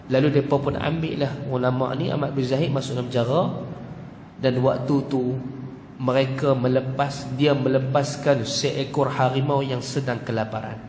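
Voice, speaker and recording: A man's voice: mid-range voice, level tone, normal speed. Dramatic man preaching with a Kedah accent. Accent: Kedah Malay. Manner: dramatic, swings between loud and hushed. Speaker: religious teacher. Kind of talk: storytelling sermon. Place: mosque. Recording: echoey mosque hall, faint hum.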